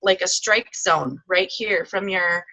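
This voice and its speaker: A woman's voice: on the low side, slow pace, bright, forceful tone, no echo, rough recording. A woman giving a chatty, casual recap on a video call, with plenty of "um" and "like" fillers. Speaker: guest speaker. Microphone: video call microphone.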